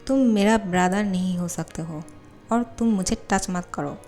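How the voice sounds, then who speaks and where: A woman's voice: lowish voice, normal speed, dark tone, faint music behind, lightly acted. A woman reading the part of a jealous, sulky ten-year-old boy in a fan fiction voiceover. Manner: curt, scolding.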